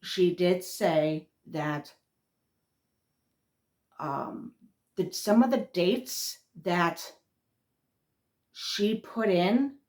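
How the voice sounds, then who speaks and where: This woman speaks on the low side with a somewhat dark tone. She's a spiritual vlogger with a strong Massachusetts accent, talking loosely in a meandering vlog where she keeps trailing off and beginning again.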